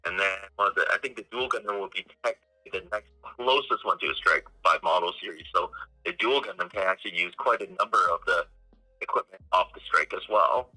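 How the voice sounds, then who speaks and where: A man's voice: deep voice, quick pace, bright, forceful tone, faint music behind, rough recording. Man on a speakerphone call. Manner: searching for names as he explains. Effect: heard over a phone on speakerphone. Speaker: phoned-in guest expert. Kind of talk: casual phone chat.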